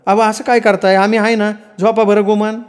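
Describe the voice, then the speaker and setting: A man's voice: high voice, little pitch movement, brisk, pitched above the performer's own voice, lightly acted. A man voicing a devoted, frantic rural village wife who talks in rustic village speech. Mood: coaxing.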